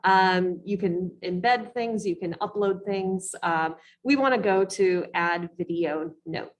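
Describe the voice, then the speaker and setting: Chatty woman co-presenting a software demo. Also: fairly low pitch, takes it slowly. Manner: chatty, many fillers like um and you know. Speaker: co-presenter of a teaching workshop. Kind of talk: casual live software demo.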